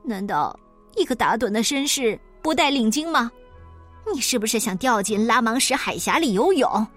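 A woman's voice: on the high side, lively intonation, normal speed, fairly bright tone, soft background music. A woman voicing a brash French balloon pilot. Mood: alarmed. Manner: brash, commanding. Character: bold excitable French balloon pilot, grown man.

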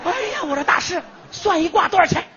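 Lead crosstalk comic, high lively voice, animated storytelling, muffled stage sound. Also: male voice, fast talker, a crowd in the background, background noise. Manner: animated storytelling with repeated punchline refrains. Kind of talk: crosstalk comedy performance.

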